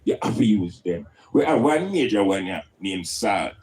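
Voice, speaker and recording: A man's voice: fairly low pitch, very animated, normal speed, darkish tone, rough recording. A man with a Jamaican accent speaking in Rastafarian style, preaching and teaching emphatically with rhetorical questions and Rastafari idioms.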